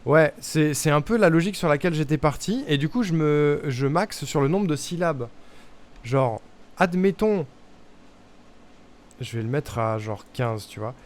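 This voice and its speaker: A man's voice: a little high, animated, a little slow. Young man puzzling aloud on stream. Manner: thinks aloud, testing guesses and muttering to himself. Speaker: streamer playing a puzzle game. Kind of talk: casual live-stream commentary.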